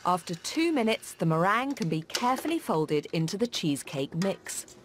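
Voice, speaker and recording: A woman's voice: lowish voice, sing-song, normal speed, noisy background. A woman with a British accent reading scripted cookery narration as a presenter. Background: music.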